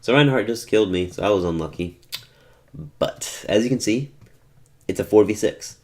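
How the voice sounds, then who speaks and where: A man's voice: lowish voice, expressive, normal speed. A man giving casual commentary over his own match footage, rambling and often correcting himself as he explains. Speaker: gaming tutorial host.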